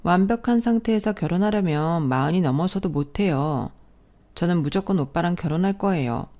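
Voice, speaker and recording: A woman's voice: on the low side, animated, a little fast, dark tone, natural voice. A woman doing a stubborn, insistent daughter. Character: young woman, a daughter in her twenties, stubborn. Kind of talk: storytelling radio drama.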